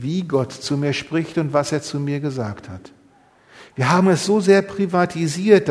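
A man's voice: fairly high pitch, darkish tone, big-room sound. A man preaching a sermon, earnest and full of rhetorical questions. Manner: earnest, many rhetorical questions, rising emphasis.

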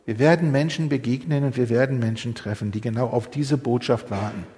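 A man's voice: medium pitch, brisk, mellow, big-room sound. A man preaching a sermon, earnest and full of rhetorical questions. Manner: earnest, many rhetorical questions, rising emphasis.

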